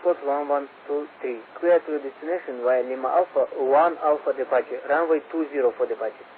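A man's voice: medium pitch, fairly quick. A man working as an air traffic controller, heard over an aviation radio channel, speaking in clipped radio phraseology. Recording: tinny radio band with faint hiss.

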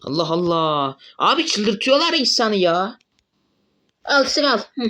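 Excitable, foul-mouthed young gamer man. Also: sits high, a little slow. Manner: excitable, swears often when frustrated. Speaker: mobile game streamer. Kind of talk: live gameplay commentary.

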